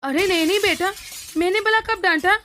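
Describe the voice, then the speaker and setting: A woman voicing a meek, gentle young bride in a cartoon, soft-spoken and pleading. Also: extremely high pitch, fairly quick, heavy background noise. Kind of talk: cartoon voice acting.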